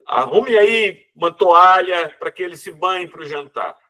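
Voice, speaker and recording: A man voicing a kind old bishop who welcomes a stranger warmly and firmly. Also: sits high, lively intonation, measured pace, recorded from a distance, voice pushed up, exaggerated voice. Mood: welcoming. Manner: warm, hospitable, firm.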